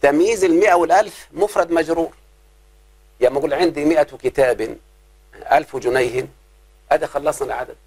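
A man's voice: fairly high pitch, a little mellow, husky. A man with an Egyptian accent teaching an Arabic grammar lesson to a class, often stopping to quiz his students and stretching out his example phrases. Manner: questioning, drawn-out examples.

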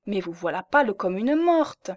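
A scheming young wife coaxes and probes in a lively voice, as a woman reads her aloud. Her pitch sits in a middle range. The sound is close and dry. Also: normal speed, no echo, close to an everyday voice. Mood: probing. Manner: coaxing, lively. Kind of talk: audiobook reading.

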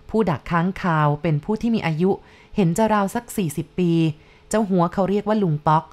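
A woman reads a story aloud with a calm, measured delivery. Her voice sits a little low, and she narrates steadily and descriptively.

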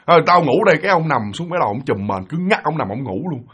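Husky, animated Southern Vietnamese storyteller. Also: male voice, mid-range voice, quick pace. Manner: animated, vivid and dramatic. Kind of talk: ghost story narration to an audience.

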